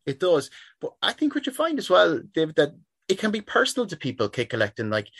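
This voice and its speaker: Huge pitch swings mark this man's high, husky, fairly bright voice as he talks quickly. A middle-aged football jersey collector from Sligo with a west of Ireland accent, he is an interview guest chatting casually and often looping back to restart phrases. The studio sound is clean, with no echo.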